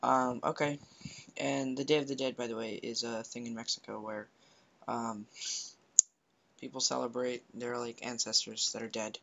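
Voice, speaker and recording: A man's voice: medium pitch, rough recording. A man casually commenting on a platform game he is playing, hesitant and full of ums and restarts. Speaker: gamer. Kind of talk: casual let's play commentary. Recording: loud game music behind. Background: loud game music.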